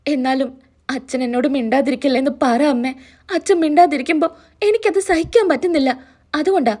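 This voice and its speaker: A woman's voice: high voice, fairly quick, darkish tone, lightly acted. A woman retelling a story, voicing a young daughter tearfully begging her parents for forgiveness. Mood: pleading. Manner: pleading, tearful.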